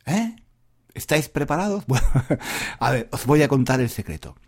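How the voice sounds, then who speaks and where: A man from Granada teaching Spanish to learners, talking slowly and clearly, pronouncing every syllable and repeating himself often. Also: medium pitch, animated. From Granada, Spain. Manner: deliberate, carefully enunciated, repetitive. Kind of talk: slow teaching monologue for learners.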